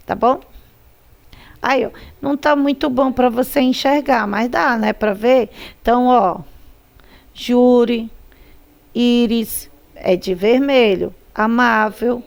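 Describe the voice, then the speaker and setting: A woman teacher with a Brazilian Portuguese accent speaks in a slightly high voice with a gravelly edge. She talks very slowly and patiently, stretching syllables and repeating each word to make it stick. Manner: drawn-out syllables, repeats words to stress them. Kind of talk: slow, patient classroom instruction.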